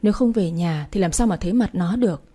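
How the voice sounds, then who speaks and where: A woman voicing a remorseful young mother who speaks softly and pleadingly, full of shame. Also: fairly low pitch, fast, breathy edge. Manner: soft, pleading.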